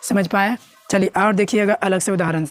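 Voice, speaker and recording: A woman's voice: mid-range voice, steady tone, normal speed. Woman teacher going thru grammar rules, keeps asking "what becomes?" and answering it herself. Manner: asks and answers her own questions. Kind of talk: classroom lesson explaining at a board.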